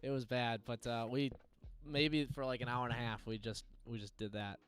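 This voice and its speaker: A man's voice: medium pitch, fairly even intonation, normal speed, a bit bright, smooth, dry recording. A man co-hosting a podcast in casual chat, laid-back and rambling. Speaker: podcast co-host.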